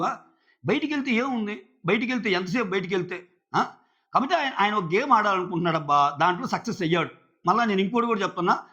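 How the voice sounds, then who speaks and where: A man with a Telugu accent reviewing a reality show in casual commentary, animated and opinionated, retelling the housemates' quarrels in quick asides. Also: high voice, highs cut off.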